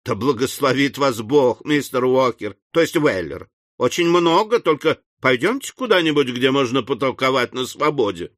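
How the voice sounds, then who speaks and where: A man reading an audiobook voices a sly, tearful hypocrite who fawns in a gushing, drawn-out, plaintive way. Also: mid-range voice, lively intonation, a bit bright, no echo, studio quality, natural voice. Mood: gushing, fawning.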